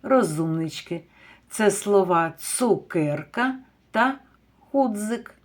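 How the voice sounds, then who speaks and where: Slow, patient kindergarten teacher woman. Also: mid-range voice, animated. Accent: Ukrainian. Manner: drawn-out word-by-word dictation with gentle praise. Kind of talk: slow, deliberate lesson for young children.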